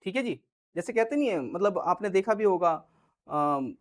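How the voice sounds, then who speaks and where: A male teacher explains grammar in a relaxed, conversational lesson, talking as if straight to his students. He repeats little check-ins as he goes and performs his example sentences in shifting tones to show how delivery changes meaning. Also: sits high, normal speed. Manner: chatty, repeats "ठीक है", acts out example lines in different tones. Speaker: English teacher. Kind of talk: casual Hindi grammar lesson.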